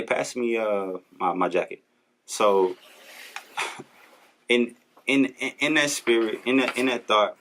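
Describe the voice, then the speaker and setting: A young man hosts a podcast in a casual motivational talk, his voice sitting low. He speaks, earnest and preachy, stumbling and restarting as his thoughts rush ahead. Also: fairly bright tone. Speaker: podcast host. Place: Los Angeles.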